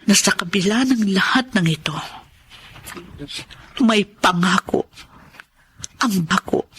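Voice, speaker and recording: In a Filipino radio drama, a woman plays a forgiving, emotional elder sister who is also a grieving wife, speaking earnestly and deliberately in a relieved, devout mood. Her mid-range voice is husky and fairly bright, delivered as a full character voice.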